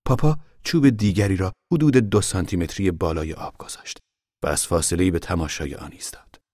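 A male audiobook narrator with a deep, slightly mellow voice reads a novel from a script. The recording is dry, with clean studio sound.

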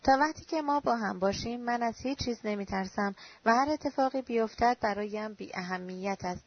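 A woman reading the lines of an anxious, lonely man who pleads earnestly with the woman he loves. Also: a little high. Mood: pleading. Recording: dull lo-fi recording.

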